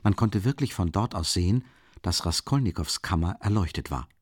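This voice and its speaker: A man narrating a literary audiobook in a measured, calm and deliberate way, recorded in a studio. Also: low-pitched, breathy edge, dry recording.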